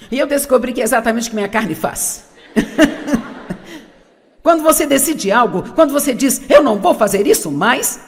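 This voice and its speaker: A woman's voice: fairly high pitch, long reverb tail. A woman preaching a sermon, asking the audience questions and repeating her key points.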